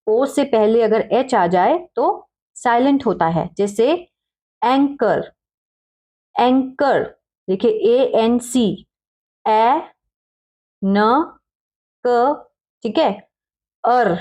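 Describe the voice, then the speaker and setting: Woman teaching english spelling, kinda high voice, really slow, spells every letter out. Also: darkish tone. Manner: spells out letters one by one and repeats words with frequent check-ins. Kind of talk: slow step-by-step spelling lesson.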